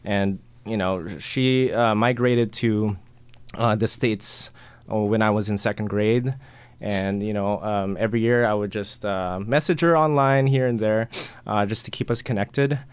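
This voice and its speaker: A man from the Philippines, a guest who edits films, talks easily in a lowish, smooth voice. He strings his thoughts together with filler words. The sound is dry and close. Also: unhurried, no echo. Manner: relaxed, uses many "you know" fillers. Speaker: guest, film editor. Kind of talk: casual interview chat.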